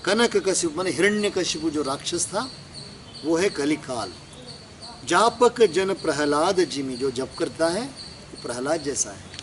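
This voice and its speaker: Here a man with a fairly high, slightly bright voice and lively intonation gives a religious discourse at a measured pace. As a spiritual teacher, he explains each verse in turn and raises questions only to answer them. The audio is clear, with crickets chirping behind him.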